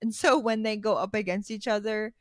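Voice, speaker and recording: Brief: female podcast co-host, mid-range voice, dry close recording, excitable casual sports talk with stammered starts. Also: mid-range voice, fairly quick, no room sound. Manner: animated, swears freely, stammers into points.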